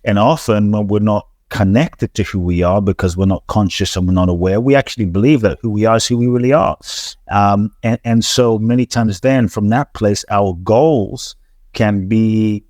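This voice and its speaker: Interviewed on a podcast, a transformational teacher raised in London talks in an earnest, reflective and repetitive way, often restarting and stammering over repeated words. He has a lowish, slightly mellow voice at normal speed, captured in a dry, studio-quality recording.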